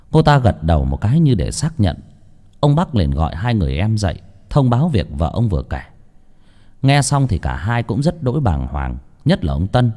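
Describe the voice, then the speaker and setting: A man narrating an audio story in an expressive storytelling manner. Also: fairly low pitch.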